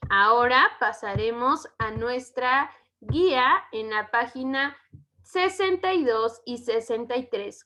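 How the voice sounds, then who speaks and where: Slow, bright-voiced Mexican woman teaching. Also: fairly high pitch, muffled recording. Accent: Mexican Spanish. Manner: slow, checks in with "¿ok?". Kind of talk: grammar lesson for schoolchildren.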